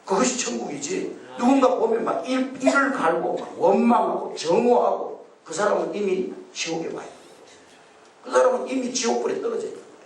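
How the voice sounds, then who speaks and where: A man preaching a sermon as pastor, animated, leading the congregation in call-and-response. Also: very high-pitched, fairly quick, vocal fry, slight background noise. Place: church sanctuary. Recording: echoey church hall, mic at a distance.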